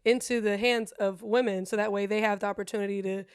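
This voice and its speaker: Speaking quickly in a steady, medium-pitched voice, a German-born guest streamer chats casually in an interview, rambling frankly and cursing freely. English isn't her first language; German is. The sound is clean, dry, and close, with no echo.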